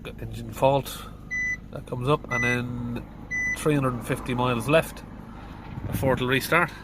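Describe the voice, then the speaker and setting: Heavy background noise fills the clip as a middle-aged mechanic, congested from hay fever, thinks aloud inside a van. He keeps a steady tone and measured pace in his mid-range voice. His talk is plain, with fillers, a casual walkthrough of a diagnosis.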